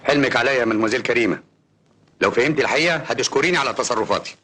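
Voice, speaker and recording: An actor playing a calm, polite gentleman who speaks soothingly on the phone, in a classic film. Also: medium pitch, rapid-fire, breathy edge. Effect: phone call. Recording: noisy old film soundtrack.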